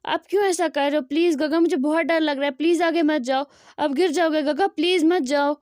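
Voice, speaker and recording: A woman's voice: high voice, steady tone, fairly quick, a little mellow, no echo, studio quality, lightly acted. A woman reading as a pleading, worried young man. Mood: anxious pleading. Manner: begging, anxious.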